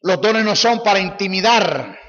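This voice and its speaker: Forceful, high-voiced male preacher. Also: expressive, normal speed. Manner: forceful, mocking, repetitive preaching. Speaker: Bible teacher. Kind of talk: sermon. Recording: echoey hall, dull lo-fi recording.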